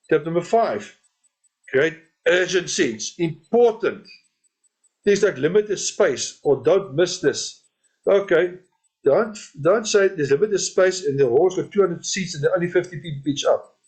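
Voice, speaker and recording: A man with a high-pitched voice leads an informal training session. He keeps his points simple and repeats them, with a little laugh at his own jokes now and then. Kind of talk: training talk on network marketing events.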